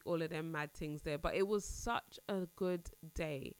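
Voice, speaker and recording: Her voice sits low, with a clean tone, a measured pace, and no room sound. This woman in her thirties, a podcast host recovering from a cold, sounds congested and nasal as she chats candidly and casually. She's talkative and rambling, backing up to restart now and then.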